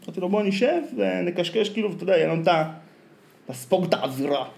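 A man's voice: fairly high pitch, creaky, darkish tone. A man with an Israeli accent chatting casually and telling anecdotes in a rambling, colloquial way full of slang fillers.

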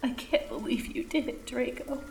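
A woman's voice: high voice, animated, moderate pace, darkish tone, slight background noise. A woman playing a foul-mouthed melodramatic goth teen witch. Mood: snarling. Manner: swearing, melodramatic outbursts. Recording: roomy echo, faint music.

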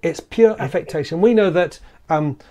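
Chatty man, slightly higher voice. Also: normal speed, dark tone. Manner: discursive, digressive, fond of explaining words. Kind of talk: casual podcast chat.

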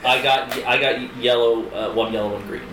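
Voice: mid-range voice, steady tone, normal speed, fairly bright tone, a little hiss or hum. A tabletop game player chatting casually, rambling and joking along. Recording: echoey room, people chattering.

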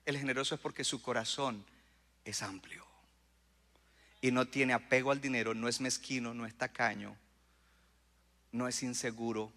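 Bright-voiced preacher man, echoing hall. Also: medium pitch, flat delivery, moderate pace. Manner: preaching with rising bursts of emphasis and audience call-outs. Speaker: pastor. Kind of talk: sermon. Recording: long hall reverb.

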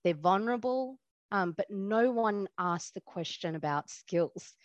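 A woman's voice: medium pitch, animated, measured pace, no echo, lo-fi sound. Reflective woman, dry sound. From Australia. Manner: reflective, lots of fillers, laughs easily. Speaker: immigration lawyer, guest. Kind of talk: podcast interview.

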